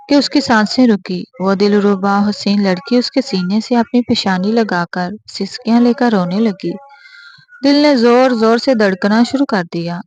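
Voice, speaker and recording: A woman narrating a romance novel and reading every character's lines in her own steady voice. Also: medium pitch. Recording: dry, dull lo-fi recording.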